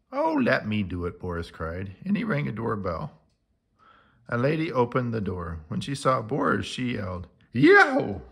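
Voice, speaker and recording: A man reading a children's storybook aloud in an animated, expressive way. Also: fairly low pitch, gravelly, breathy edge.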